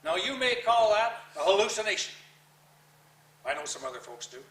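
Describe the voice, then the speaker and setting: A man with a folksy cowboy twang reciting rhyming verse as a theatrical storyteller, with drawn-out emphasis and dramatic pauses. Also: sits high, big pitch swings, fairly bright tone. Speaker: cowboy poet reciting a narrative poem. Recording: roomy echo, distant microphone.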